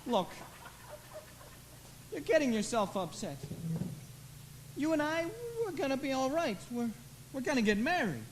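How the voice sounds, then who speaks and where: A teenage boy playing a smooth-talking young gambler in a school musical, coaxing and slangy. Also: very high voice, very animated, unhurried, pauses often, slight background noise, full character voice. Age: teens. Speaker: student actor in a school musical. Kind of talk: stage musical acting. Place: school auditorium stage.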